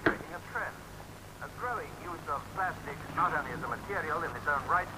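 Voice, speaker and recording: An actor playing a male radio commentator giving a measured, wry scripted talk. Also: a little high, animated, background noise, lightly acted. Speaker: radio announcer.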